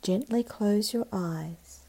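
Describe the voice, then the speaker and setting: A woman guiding a meditation in a calm, meditative tone, with a soft, breathy voice and long pauses. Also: mid-range voice. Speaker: meditation guide. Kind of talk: guided meditation narration.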